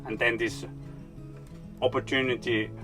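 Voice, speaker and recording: A man whose first language is Finnish chats casually as a guest. His voice is mid-pitched. Soft guitar music plays behind him. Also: flat delivery, measured pace. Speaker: interview guest, fiction writer. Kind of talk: casual conversation.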